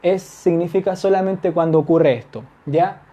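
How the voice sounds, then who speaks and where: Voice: mid-range voice, moderate pace, mellow. A Turkish language teacher, giving a whiteboard grammar lesson, patient, repeating example phrases and checking understanding with tag questions.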